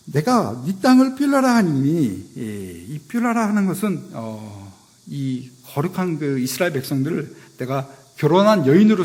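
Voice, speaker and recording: A man's voice: medium pitch, darkish tone. A man in his thirties giving a sermon to young adults, telling stories in a casual, self-deprecating way. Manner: conversational storytelling, self-deprecating. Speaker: pastor.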